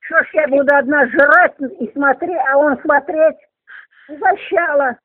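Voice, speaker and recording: A foul-mouthed old granny with a high-pitched voice. The woman is irritable and combative, peppering her argument with curses. She comes through a tinny, narrow phone line, very dry. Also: a little slow, no echo. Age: elderly. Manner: foul-mouthed, cursing freely.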